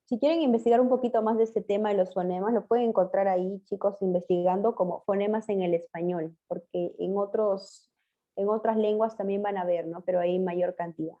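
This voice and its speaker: A woman teacher giving an online language class, patiently quizzing her pupils and spelling words out slowly. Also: mid-range voice, fairly even intonation. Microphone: video call. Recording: muffled lo-fi video call audio.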